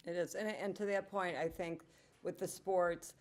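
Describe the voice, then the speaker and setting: A woman's voice: fairly low pitch, fairly even intonation, normal speed. A woman making a short point in a community discussion. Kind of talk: casual discussion.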